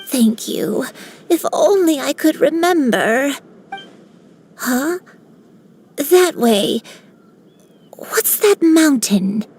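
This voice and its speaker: A woman voicing a frail, forgetful old grandmother in a video game, gentle and apologetic. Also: sits high, lively intonation, full character voice. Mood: puzzled. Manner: slow, soft, wistful. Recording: game audio with clear music.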